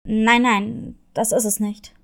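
A woman voicing a grumpy, suspicious male wolf in a children's story, speaking gruffly and loudly. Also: a little high, flat delivery, slow pace, voice pushed down, heavily acted. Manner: gruff, growling, gets loud. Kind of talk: storybook reading.

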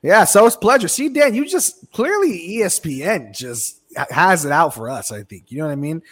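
An American man with a fairly high voice hosts a talk radio show. He speaks in a casual, animated sports-talk style with plenty of emphasis. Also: moderate pace, breathy edge.

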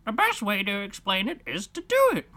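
A woman's voice: huge pitch swings, normal speed, sharp tone. A woman voicing a pompous, solemn bird who chairs a meeting in grave, formal words. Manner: grave, formal and high-flown.

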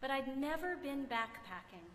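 A slightly high-pitched woman preaches in a large church sanctuary, her words carried by a long, echoing reverb. She tells her story at a measured pace. A faint hum of room noise sits behind her. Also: expressive, a bit bright. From United States. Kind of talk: gospel reading and sermon. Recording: echoey church hall from a distance.

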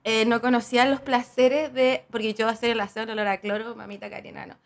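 High-voiced Chilean woman, lively chat. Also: a little fast. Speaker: podcast guest. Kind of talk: casual podcast chat.

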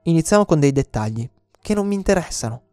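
A man's voice: a little high, big pitch swings, fast talker, warm tone, dry recording, studio quality. A man teaching a self-defense lesson in an earnest explanatory way, often restarting and checking in with "ok?". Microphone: close mic.

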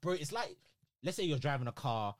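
A man's voice: on the high side, sing-song, brisk, no room sound, studio quality. A young adult man with a London roadman accent, chatting casually with a friend in heavy street slang and often repeating himself. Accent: London, urban street slang.

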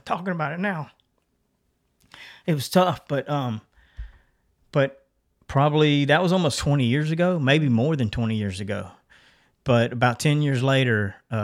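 A man's voice: medium pitch, moderate pace. Earnest middle-aged man telling a story. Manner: earnest, rambling with restarts. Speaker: podcast co-host. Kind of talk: casual chat, personal story.

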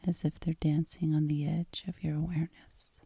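A woman guiding a hypnosis meditation in a calm, soothing tone, soft and breathy, often close to a whisper. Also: low voice, normal speed, no echo. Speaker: hypnosis guide.

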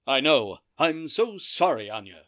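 A man's voice: medium pitch, big pitch swings, unhurried, a bit bright. A man playing a cocky bumbling masked hero. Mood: wry. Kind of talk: comic old-time radio play acting.

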